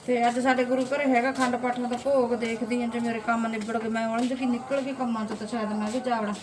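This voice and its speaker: A woman's voice: a little high, little pitch movement, fast talker, background noise. A middle-aged woman with a Malwai Punjabi accent, vlogging from home and scolding rude commenters. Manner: indignant, scolding, rhetorical. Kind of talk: casual talk to camera.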